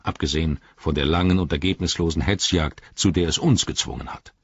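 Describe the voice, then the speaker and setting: Earnest ranger, male, rough-edged and low, a male reader doing him; dry lo-fi audio. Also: fairly quick, dry recording, full character voice.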